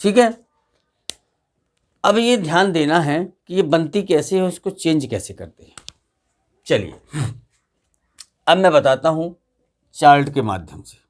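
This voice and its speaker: Male teacher with a slightly high voice, drilling grammar rules in class through call-and-response. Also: lively intonation, measured pace, pauses often. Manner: asks students questions and repeats the answers.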